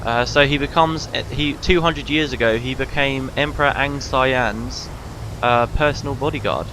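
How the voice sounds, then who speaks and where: A man's voice: medium pitch, normal speed, background noise. A man giving casual, informal commentary as he plays a video game, sometimes hesitant. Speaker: video game let's player.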